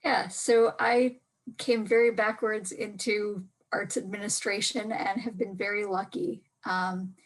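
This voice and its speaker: Woman arts administrator, husky voice, modest and steady, panel guest on a video call. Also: mid-range voice, rough recording. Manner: steady and modest, frequent ums. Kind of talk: casual panel discussion.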